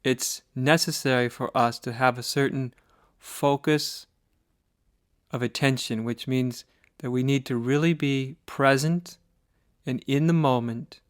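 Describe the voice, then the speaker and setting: An American man, a spiritual teacher, gives guided meditation instruction very slowly and deliberately, pausing between short phrases. His voice is clear, smooth and medium-pitched, and the dry recording carries no room sound.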